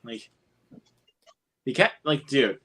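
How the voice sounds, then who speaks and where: Brief: an opinionated man in casual film talk, bright and animated. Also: medium pitch, slow pace, husky. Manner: opinionated, repeats words.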